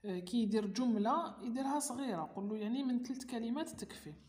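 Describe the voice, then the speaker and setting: In an echoey room with long reverb, a woman with an Algerian Arabic accent explains a primary school homework sheet to parents. Her voice is fairly high, expressive and darkish in tone, and she reads each item aloud, then patiently and slowly explains it.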